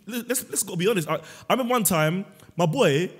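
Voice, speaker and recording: A man hosting a casual comedic podcast chat, teasing his guest and telling animated stories. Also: high-pitched, fast talker, breathy edge. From Senegal. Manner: playful, teasing, animated storytelling. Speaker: podcast host. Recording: roomy long reverb.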